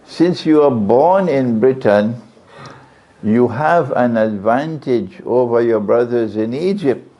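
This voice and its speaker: A man's gravelly, mellow mid-range voice carries a religious lecture as an Islamic preacher addresses a live audience. He asks the listeners questions and repeats his main phrases, and the lecture-venue recording sounds dull and lo-fi.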